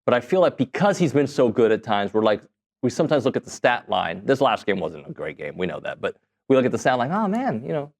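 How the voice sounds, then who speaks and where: A man's voice: medium pitch, lively intonation, quick pace, gravelly. A man hosting a sports radio show, talking casually and thinking aloud. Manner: conversational, thinks aloud with restarts.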